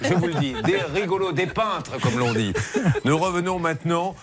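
A man's voice: fairly high pitch, animated, normal speed, over a noisy crowd. A man hosting a live radio talk show, teasing guests and laughing as he talks. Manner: teasing, jokey, laughing often. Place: radio studio.

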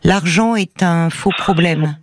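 A woman hosting a call-in advice radio show, counselling a caller in a calm, firm way with many hesitations. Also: fairly low pitch, takes it slowly, no echo. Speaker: radio host.

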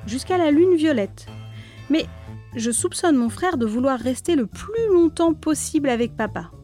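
A calm young boy who answers in a steady, matter-of-fact way, as a woman reads him out. His voice sits high in a plainly told storybook. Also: normal speed, faint music behind. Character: calm young boy, friend of the witch girl.

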